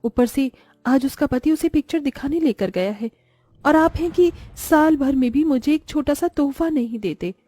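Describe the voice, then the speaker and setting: A woman voices a greedy, envious young wife in a cartoon moral story, using a fairly high, soft-edged voice with lively intonation at normal speed. She sounds nagging, sharp-tongued, scolding, and resentful. The recording is close and dry over music, with no room sound.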